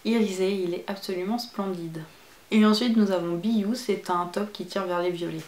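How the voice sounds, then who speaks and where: Female beauty vlogger, casual and enthusiastic, mid pitch, roomy echo. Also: fairly even intonation, normal speed, a little mellow. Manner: chatty, enthusiastic describing shades. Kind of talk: casual makeup review.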